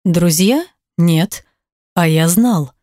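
A woman voicing a sarcastic, jealous husband in an audiobook, lowering her voice and speaking slowly with a mocking edge. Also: mellow, no echo, clean studio sound.

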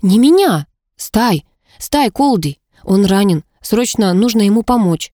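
A woman's voice: mid-range voice, animated, unhurried, mellow, dry recording, studio quality, close to an everyday voice. A woman voicing an urgent young heroine. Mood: pleading. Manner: urgent, pleading. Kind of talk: audiobook narration.

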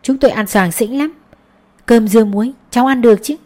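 A genial middle-aged male schoolteacher, as a woman narrator puts him on, who rambles on in a friendly, wordy way. The voice sits a touch above her usual range, with a soft, mellow tone. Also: a little high, a little fast, lightly acted.

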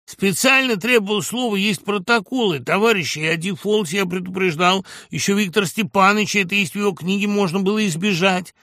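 A man's voice: high-pitched, fairly quick, hardly any pauses, sharp tone, no echo, clean studio sound, voice pushed up. A man reading aloud, voicing an older, disgraced male official who insists on his case indignantly. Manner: insistent, declaiming.

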